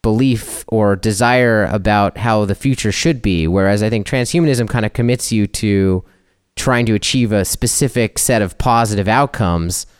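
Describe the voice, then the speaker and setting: Smooth, lowish-voiced male podcast co-host. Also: normal speed. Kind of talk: conversational discussion.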